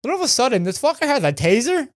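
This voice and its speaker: A man's voice: very high voice, sing-song, racing, dry recording, clean studio sound. A young man in his twenties, a podcast co-host telling a rambling, profane story in casual chat.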